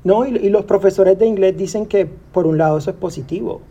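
A young adult man co-hosting a casual podcast, explaining things in a measured way. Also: high voice, dark tone, breathy edge, lo-fi sound. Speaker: podcast co-host.

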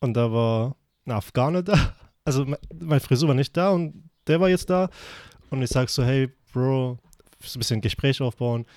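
A man's voice: mid-range voice, moderate pace, a little mellow, no echo, studio quality. A young man originally from Iran chatting casually as a podcast co-host, teasing and laughing easily. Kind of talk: casual slangy chat.

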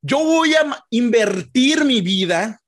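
High-pitched northern Mexican man, slangy bro talk. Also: lively intonation, slow, a bit bright. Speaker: podcast co-host. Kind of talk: casual chat.

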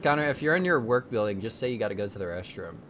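A man's voice: expressive, quick pace, fairly bright tone. A man co-hosting a podcast in casual chat, joking around and repeating his punchlines. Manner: jokey, repeats phrases, laughs often. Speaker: podcast co-host. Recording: faint background noise and rumble.

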